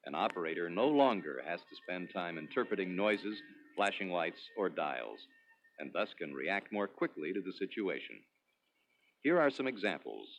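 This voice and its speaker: A man presenting a product demonstration in a scripted, instructional promotional narration with clearly structured delivery. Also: low voice, very animated, moderate pace, slight background noise. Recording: dull lo-fi 1980s demo recording.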